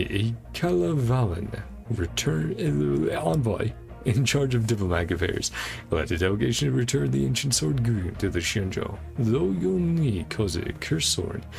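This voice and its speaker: A man with a fairly low, fry-tinged voice provides casual commentary as he plays a video game, reading on-screen text aloud and musing to himself. He's a gaming content creator working through a story quest, speculating as he goes.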